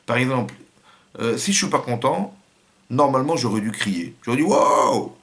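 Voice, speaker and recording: A man's voice: mid-range voice, lively intonation, fairly quick, a bit bright. A man with a French accent giving a religious lesson as a rabbi, acting out little scenes and quotes in changing voices.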